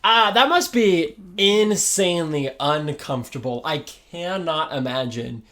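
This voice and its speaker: A man's voice: on the high side, expressive, unhurried, pushed and bright. A young man co-hosting a podcast as the first-time film watcher, chatting in an easygoing way and laughing often. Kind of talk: casual chat.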